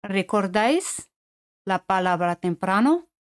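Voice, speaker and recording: A woman with a Spanish accent from Spain giving a scripted French lesson, speaking clearly and repeating each French word. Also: mid-range voice, lively intonation, slow pace. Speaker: French teacher.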